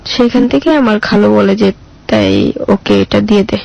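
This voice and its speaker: A mid-teen girl with a colloquial Bangladeshi accent gives short, plain answers in an interview, simply telling her own story. Her medium-pitched voice swings hugely in pitch, moves at a moderate pace, and sounds creaky and darkish. The recording is lo-fi.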